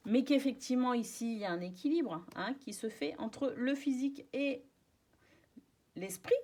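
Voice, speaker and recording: A woman with a fairly high voice lays out tarot cards and talks her viewers through them in a casual way. She stops and restarts often and fills pauses with small hesitations. Her tone stays soft and reassuring. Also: lively intonation. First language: French. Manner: chatty, hesitant, many fillers and restarts. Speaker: tarot card reader.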